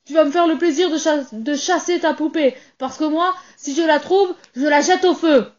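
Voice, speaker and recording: A woman's voice: fairly high pitch, expressive, moderate pace, warm tone, muffled recording. A woman doing a grumpy, scolding father. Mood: stern.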